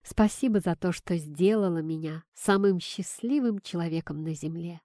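A woman voicing a nervous, sentimental older bachelor who speaks with a trembling, halting, solemn voice. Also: fairly low pitch, warm tone, no room sound, studio quality, close to an everyday voice. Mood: tender, solemn.

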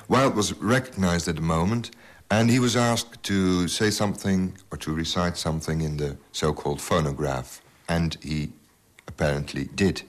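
A man interviewing a guest on the radio who asks questions and reads a passage aloud in a measured way. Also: low voice.

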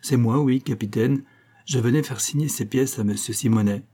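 A man's voice: medium pitch, moderate pace, warm tone, lightly acted. A man reading an audiobook, voicing a polite young office attaché who speaks formally.

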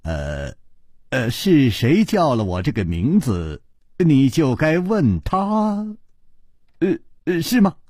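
A man's voice: mid-range voice, sing-song, measured pace, pauses often, a little mellow, slightly rough, no room sound, clean studio sound, pitched below the performer's own voice. A man playing a charming young swordsman who hedges and stalls with hesitant filler sounds. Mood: awkward.

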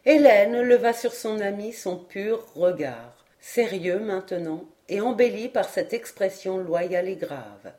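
Woman narrating an old novel, measured, expressive reading, mid pitch. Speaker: audiobook reader. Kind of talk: literary narration.

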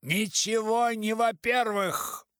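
A man voicing a self-righteous older male writer who lectures and shouts, loud and insistent, dragging his words out. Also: medium pitch, big pitch swings, creaky, no room sound, clean studio sound, full character voice. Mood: indignant shouting. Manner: loud, preachy, slow and insistent.

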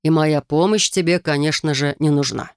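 A narrator doing a low, icy, sarcastic husband. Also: male voice, level tone, a little fast, smooth, dry recording, studio quality, lightly acted. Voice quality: low, muffled. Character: cold, bitter estranged husband, sarcastic.

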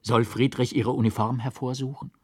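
A man's voice: medium pitch, steady tone, moderate pace, darkish tone, husky, dry recording, clean studio sound, close to an everyday voice. A man reading the part of an earnest old man in an audiobook, coaxing and pleading, rising to fervent exhortation.

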